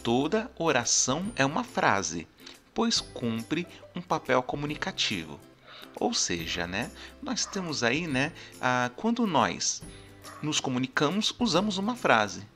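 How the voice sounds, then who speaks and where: A man's voice: a little high, sing-song, measured pace, a bit bright, soft background music. A man teaching a grammar lesson, explaining step by step and often checking in with his listeners. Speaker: language teacher.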